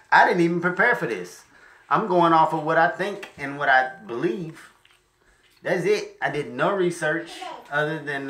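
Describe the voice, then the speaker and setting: A man co-hosting a casual show, blunt and quick to laugh. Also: a little high, bright, forceful tone. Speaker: co-host. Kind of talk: casual debate-show banter. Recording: echoey room.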